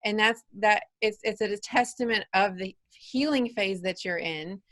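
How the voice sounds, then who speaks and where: A woman's voice: medium pitch, measured pace, fairly bright tone. A woman in her forties hosting a podcast, talking in an earnest, coaching way and probing her guest with questions. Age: 40s. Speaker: podcast host. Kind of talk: casual interview.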